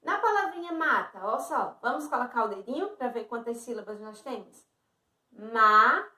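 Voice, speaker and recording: A Brazilian woman gives a lesson to small children, speaking in a slow, sing-song, encouraging way. Her voice sits high. The sound is roomy and a little distant from the mic. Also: lively intonation, pushed and bright. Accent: Brazilian Portuguese. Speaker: teacher. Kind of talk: online lesson for young children. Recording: roomy echo, a bit off-mic.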